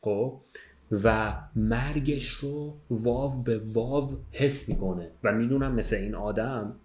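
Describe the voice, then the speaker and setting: A podcast speaker with a medium-pitched, slightly mellow voice tells a story casually, checking in with his listener along the way. The sound is roomy and echoing.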